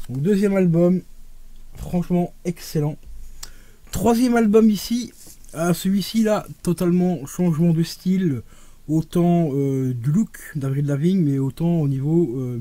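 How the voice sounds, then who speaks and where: A man chatting casually and enthusiastically to his viewers as he shows off his vinyl collection, talking to them like friends. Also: no echo. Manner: animated, with sudden rises and drops in pitch and loudness. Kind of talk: casual unboxing vlog.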